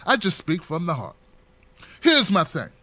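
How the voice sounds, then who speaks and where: A man giving an unscripted political commentary, talking straight to the camera, impassioned and preachy, building to near-shouts. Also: high voice, huge pitch swings, unhurried, no echo.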